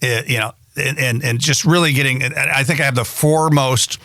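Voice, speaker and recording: A man's voice: medium pitch, fairly even intonation, brisk, gravelly, pushed and bright, no room sound. A man hosting a show in a studio, introducing his guest in an upbeat way with stumbles and repeated words. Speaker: host.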